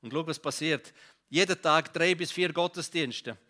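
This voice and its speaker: Give me a Swiss German pastor, a man with a fairly high, bright voice, preaching lively and telling stories. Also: normal speed. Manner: lively preaching, swings from loud to hushed. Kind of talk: sermon with storytelling.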